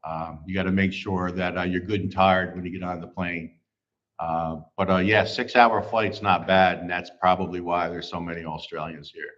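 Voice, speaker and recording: A man's voice: sits low, steady tone, normal speed, a bit bright. A middle-aged man hosting a livestream, chatting casually about viewer comments and rambling with many fillers. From United States. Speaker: livestream host. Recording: slightly dull livestream audio.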